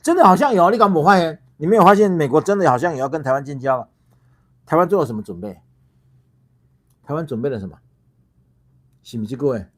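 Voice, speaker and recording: A middle-aged man from Taiwan hosts his own political livestream in a heated monologue. His fairly high voice swings up and down sharply as he fires off rhetorical questions, stumbles over repeated words and curses freely. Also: expressive, fast, long pauses. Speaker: political party founder and livestream host.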